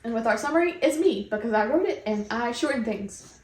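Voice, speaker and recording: A woman's voice: fairly high pitch, animated, a little fast, reverberant, low-quality recording. A woman co-hosting a casual chat show, teasing and laughing as she keeps things on track. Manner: teasing, laughing, wrangling her co-host. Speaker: podcast co-host.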